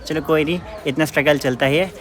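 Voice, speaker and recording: Young man, from Uttarakhand, easygoing walking-vlog chatter, slightly high voice, faint music. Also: steady tone, fast. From Uttarakhand, India. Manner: chatty and easygoing, thinking aloud. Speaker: vlogger. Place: outdoors on a road, walking.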